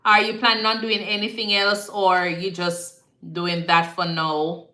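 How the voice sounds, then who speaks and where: Jamaican woman, nurse-host type, low-pitched but bright and forceful delivery, chatty with bits of patois. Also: monotone, unhurried. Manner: chatty, repeats herself, slips into patois phrasing. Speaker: nurse hosting a live Q&A. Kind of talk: casual live-stream chat answering viewer comments. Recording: echoey room.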